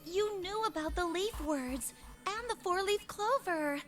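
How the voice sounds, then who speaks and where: Game heroine,: gentle, earnest, wounded young woman, extremely high voice, unhurried delivery. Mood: hurt, pleading. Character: gentle, pleading young woman, hurt and betrayed. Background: game music.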